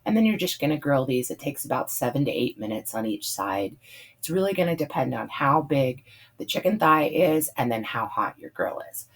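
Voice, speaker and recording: A woman with a lilt talks through family dinners in a relaxed, chatty way, dropping ums and likes as she goes. Her voice sits very low and comes out husky and hoarse, worn from a lot of talking. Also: normal speed. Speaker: budget meal planning vlogger. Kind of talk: casual voice-over.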